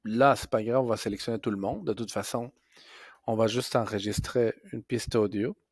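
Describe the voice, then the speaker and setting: A man teaching a software tutorial step by step, pausing and correcting himself as he goes. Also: fairly low pitch, steady tone, breathy edge, no echo, clean studio sound. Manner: slow, step-by-step explaining with fillers and self-corrections.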